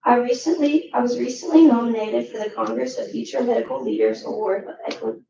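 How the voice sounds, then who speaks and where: A teenage girl, hoarse and nearly voiceless, speaking in a raspy whisper as she gives an informal prepared speech. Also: fairly high pitch, lively intonation, a little fast, dark tone. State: hoarse, voice nearly gone from cheering. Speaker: student award recipient speaking. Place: echoey municipal meeting room. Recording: roomy, distant mic, muffled, faint noise.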